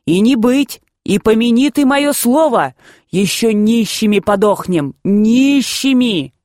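A woman's voice: on the high side, animated, slow, dry recording, studio quality, pitched above the performer's own voice. Woman voicing a harsh grumbling old grandfather. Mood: despairing. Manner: grumbling, breaking into shouts.

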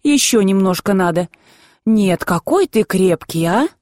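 A woman's voice: mid-range voice, animated, darkish tone, dry recording, clean studio sound, natural voice. A woman reading a bold, firm young mother with a commanding way of talking, in a storybook narration. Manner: commanding, brisk.

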